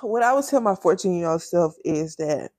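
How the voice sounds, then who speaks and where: A woman in her twenties hosting her podcast, talking candidly and emotionally in casual slang, close to tears and pausing often. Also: lowish voice, animated, darkish tone, no room sound. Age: 20s. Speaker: podcast host. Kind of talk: personal casual chat.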